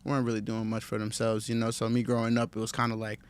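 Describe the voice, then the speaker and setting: A relaxed, friendly man in his twenties from New Jersey, talking casually as a podcast guest and laughing often. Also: lowish voice, fast, clean tone. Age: 20s. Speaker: podcast guest, tattoo artist. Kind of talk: casual chat.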